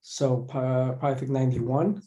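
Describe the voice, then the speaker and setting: A man's voice: medium pitch, steady tone, normal speed, warm tone, lo-fi sound. A middle-aged man from Chicago, a graffiti artist and guest, telling stories in an easygoing, reflective way. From born in Mexico City, raised in Chicago. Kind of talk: casual interview chat.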